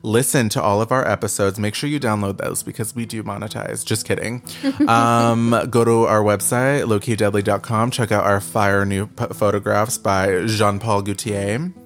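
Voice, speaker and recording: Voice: medium pitch, fairly even intonation, normal speed. A podcast co-host chatting casually, joking and swearing in a tired, giddy way. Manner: joking, swearing, self-mocking. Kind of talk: casual chat.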